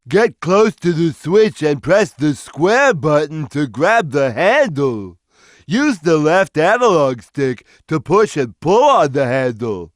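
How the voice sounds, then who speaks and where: A man voicing a big, gentle, simple-minded cartoon cat who explains things slowly and plainly, as a video game character. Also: a little high, no echo, studio quality. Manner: slow, simple, deliberate instructional delivery. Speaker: video game character giving tutorial hints. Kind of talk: scripted game tutorial voice lines.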